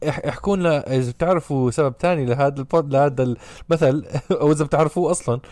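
A man hosts a casual podcast chat in a Levantine Arabic accent. His voice sits high for a man, and his words come extremely quickly. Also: darkish tone, no echo. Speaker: podcast host.

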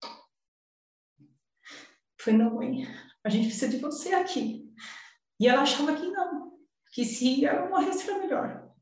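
A woman's voice: sits high, animated, normal speed, long pauses, a little mellow, distant mic. A woman with a Brazilian Portuguese accent, an entrepreneur guest telling her story in a chatty, emotional way with lots of slang fillers. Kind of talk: casual storytelling. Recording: very echoey room, voice off-mic.

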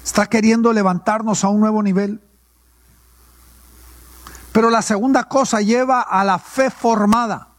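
A man's voice: high-pitched, steady tone, measured pace, long pauses, dry recording. A male pastor, preaching a sermon and asking questions that he answers himself. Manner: call-and-response preaching, asks and answers his own questions.

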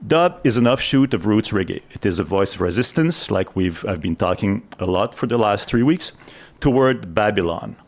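A man presents live on the radio in a fairly low voice. He talks in an earnest, explanatory way, partly as if from prepared notes. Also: animated, moderate pace. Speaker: radio host. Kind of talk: live radio talk, semi-scripted explanatory narration.

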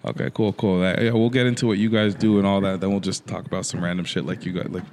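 Low-pitched Toronto man hosting a podcast. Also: flat delivery, quick pace, background noise. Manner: teasing. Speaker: podcast host. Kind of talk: slangy casual banter.

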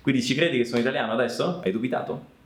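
A man's voice: mid-range voice, very fast, a little hiss or hum. A man hosting his own channel, chatting casually and explaining idioms with lots of rhetorical asides. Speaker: channel host. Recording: roomy echo.

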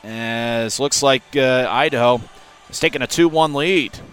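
A man giving rapid hockey play-by-play commentary as a game commentator, ready to burst into shouts on big chances. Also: mid-range voice, clear, resonant tone, faint music behind.

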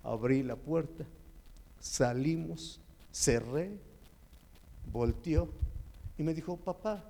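A Mexican man tells his church testimony in a heartfelt, tearful way. His voice sits fairly high for a man but sounds dark and mellow, with a rough, gravelly grain. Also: slow pace. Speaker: church member giving testimony. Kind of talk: emotional personal testimony.

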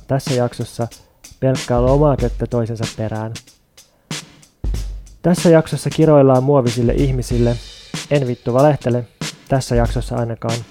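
Deadpan man reciting absurd verse. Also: medium pitch. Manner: deadpan, rhythmic wordplay recital. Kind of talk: absurd poem reading.

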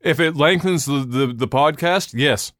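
A man's voice: fairly high pitch, unhurried, fairly bright tone, slight background noise. A man hosting a casual gaming podcast, rambling through news with restarts and casual swearing. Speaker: podcast host.

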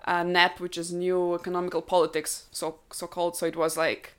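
A woman in her thirties from Ukraine, whose native language is Russian, chats casually as a podcast guest, explaining things thoughtfully and using plenty of fillers. Her voice sits on the low side and is monotone, slightly quick, with a clean tone.

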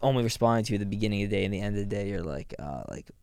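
A man's voice: fairly low pitch, animated, racing, vocal fry, darkish tone, smooth, no echo, clean studio sound. A young man co-hosting a casual chat podcast, teasing and joking with a sarcastic edge.

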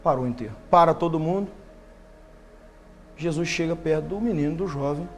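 A male preacher, delivering an impassioned sermon that swings from loud bursts to hushed intensity. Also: a little high, brisk, slight background noise.

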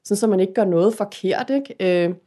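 A woman's voice: medium pitch, mellow. Woman host in casual talk, open and confiding. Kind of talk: casual chat.

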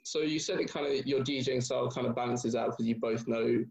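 A man's voice: mid-range voice, steady tone, fairly quick, vocal fry, a little mellow. A man hosting a podcast, asking questions politely and hesitantly, with plenty of ums. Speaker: podcast host. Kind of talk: casual interview. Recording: roomy.

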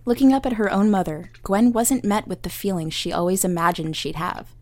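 A woman narrating an audio drama in a measured storytelling manner. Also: mid-range voice.

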